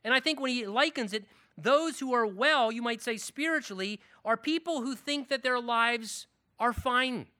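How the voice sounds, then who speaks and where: A man preaching a sermon as pastor, emphatic and animated, building his points through long lists of phrases. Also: extremely high pitch, moderate pace, no echo, clean studio sound.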